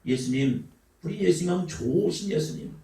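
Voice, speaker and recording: A man preaching a sermon as pastor, emphatic, swinging between shouts and soft asides. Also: sits high, expressive, normal speed, vocal fry, a crowd in the background. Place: church sanctuary. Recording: echoey church hall from a distant mic.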